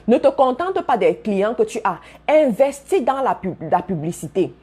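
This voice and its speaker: Emphatic woman coach with a husky voice. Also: a little high, very animated, normal speed, warm tone. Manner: emphatic, repeats key phrases, addresses listeners directly. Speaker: business coach. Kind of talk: motivational talk to followers.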